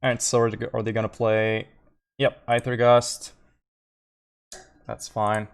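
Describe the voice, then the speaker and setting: A man from Quebec, speaking with a Québécois French accent, streams a live card game and thinks aloud through his plays. His voice is low, smooth, flat, and a little slow, with vocal fry. He uses frequent fillers and makes easygoing asides to chat.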